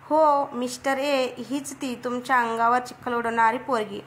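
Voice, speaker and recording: A woman voicing a playful, mischievous young girl who talks loudly and teases. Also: on the high side, steady tone, normal speed, slight background noise, natural voice. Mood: teasing. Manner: loud, teasing.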